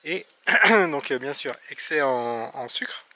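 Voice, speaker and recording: A man's voice: on the high side, animated, takes it slowly, bright, forceful tone, a little hiss or hum. A man chatting casually on a travel vlog, hesitant, with many fillers and restarts. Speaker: travel vlogger.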